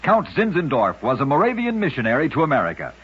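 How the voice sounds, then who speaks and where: On an old, dull lo-fi radio recording, a man narrates oddity stories, reading scripted short tales for a radio show. His voice sits on the high side with wildly swooping pitch and a breathy edge. He talks fast, and his storytelling is emphatic and dramatic.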